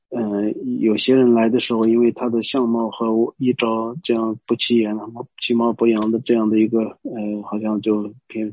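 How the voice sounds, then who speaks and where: A man giving a Buddhist teaching as a story, hesitant, pausing often and explaining as he goes. The recording is dull and lo-fi. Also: lowish voice, gravelly, a little mellow, breathy edge, no echo. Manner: hesitant, many pauses and restarts, explaining as he goes.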